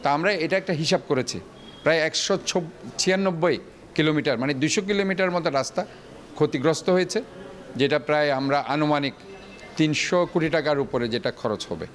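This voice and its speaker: A man city official explaining in a quick, explanatory way during a news interview. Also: on the high side.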